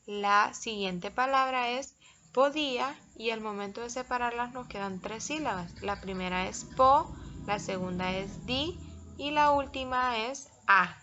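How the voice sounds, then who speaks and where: Female teacher, unhurried and methodical, dull lo-fi sound. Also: on the high side, bright, forceful tone. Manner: slow, careful, spells out syllables. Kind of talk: recorded classroom lesson.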